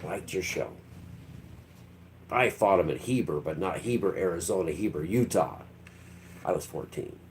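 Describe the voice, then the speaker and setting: A man's voice: low voice, expressive, moderate pace, long pauses, a little hiss or hum. A man hosting a live stream, rambling in a loose monologue and acting out quotes in mock voices. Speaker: livestream host.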